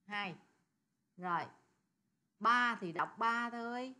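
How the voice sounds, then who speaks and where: Woman, coding teacher, chatty, asks questions, bright tone. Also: a little high, takes it slowly, smooth. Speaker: programming teacher. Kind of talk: screen-recorded coding lesson.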